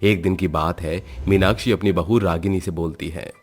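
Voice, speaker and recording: A man narrates a cartoon storybook in a steady, even delivery. His voice is very low and deep. Soft music sits quietly behind him. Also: moderate pace.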